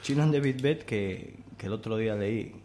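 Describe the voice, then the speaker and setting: Man, somewhat low voice, chatty and eager, studio radio mic. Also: normal speed, dark tone. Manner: chatty, enthusiastic, many restarts. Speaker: festival organizer guest. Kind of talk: radio interview chat.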